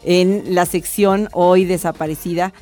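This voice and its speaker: A woman's voice: lowish voice, steady tone, unhurried, darkish tone, faint music behind. A woman co-hosting a radio chat, who keeps affirming with "ajá" and echoing her partner's words. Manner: affirming, echoes the other host with "ajá". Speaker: radio co-host.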